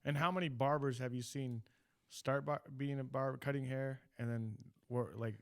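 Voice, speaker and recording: A man's voice: medium pitch, fairly even intonation, moderate pace, clear, resonant tone, dry recording. A man hosting a podcast in a casual, informal, sweary way with loose phrasing. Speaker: podcast host. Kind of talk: casual chat.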